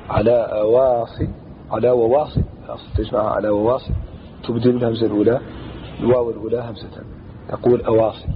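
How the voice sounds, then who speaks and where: Guy teaching grammar, slow and deliberate, chants the verse lines, kinda dull lo-fi sound w faint hiss. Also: medium pitch. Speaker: teacher explaining an Arabic grammar poem. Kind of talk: traditional grammar lesson. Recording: dull lo-fi recording with faint background noise.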